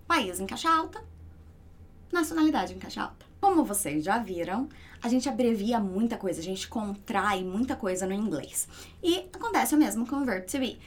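A woman's voice: mid-range voice, lively intonation, moderate pace. A woman teaching an English lesson, explaining grammar step by step and checking in with the class. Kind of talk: online language lesson.

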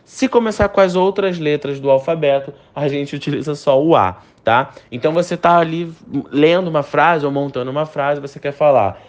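A man teaching a recorded lesson. He explains patiently, says each example sentence slowly and several times, and asks the listener questions that he then answers himself. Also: on the high side. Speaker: English teacher. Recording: dull lo-fi sound.

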